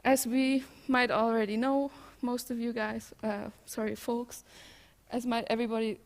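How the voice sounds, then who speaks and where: A woman's voice: fairly high pitch, flat delivery, moderate pace. A woman from Switzerland with a Swiss German accent, giving an informal tech talk as a conference speaker.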